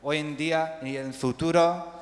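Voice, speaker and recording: Lively teacher in an echoey hall. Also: male voice, fairly high pitch. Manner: lively, drills words slowly, switches between English and Spanish. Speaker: English teacher. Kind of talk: bilingual pronunciation class. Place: hospital lecture hall. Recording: echoey hall with long reverb.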